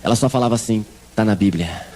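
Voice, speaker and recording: A man's voice: fairly low pitch, fast, background noise, pitched below the performer's own voice, close to an everyday voice. A man voicing a blunt, self-assured woman housemaid who has just converted, in a Brazilian Portuguese accent. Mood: smug. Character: brash, zealous woman housemaid, newly converted.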